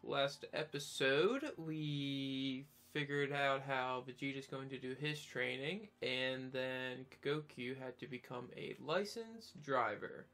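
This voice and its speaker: A man's voice: medium pitch, slow, fairly bright tone. A man hosting his own gameplay series, chatting casually with sarcastic asides. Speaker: gaming channel host. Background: game music.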